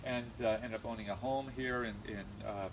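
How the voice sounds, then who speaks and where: Middle-aged American man speaking over clear noise. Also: medium pitch. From California, USA. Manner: halting, reminiscing, with frequent pauses. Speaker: eulogist, nephew of the deceased. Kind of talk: informal eulogy speech. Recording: noisy amateur recording, steady background noise.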